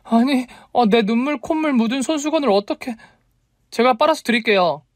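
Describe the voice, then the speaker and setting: A man's voice: fairly high pitch, expressive, a little slow, a little mellow, dry recording, studio quality, pitched above the performer's own voice. A man voicing a flustered young woman who snaps with indignant questions, reading a story. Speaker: story reader.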